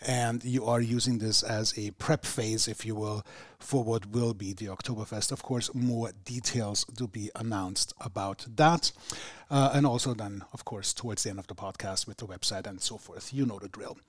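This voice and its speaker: A man's voice: on the low side, fairly even intonation, normal speed, no room sound, clean studio sound. A man hosting a podcast interview, chatty and rambling, often correcting himself mid-sentence. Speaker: podcast host.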